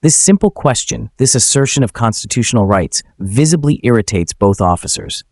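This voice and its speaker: A man giving scripted, suspenseful dramatic narration in a measured way. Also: mid-range voice, expressive, darkish tone, no echo.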